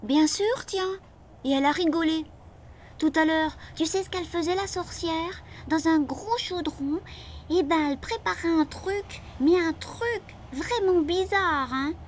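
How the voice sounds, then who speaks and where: A woman voicing a frightened, insistent little boy in a storybook, in a high pleading voice. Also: unhurried, a little hiss or hum. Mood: conspiratorial.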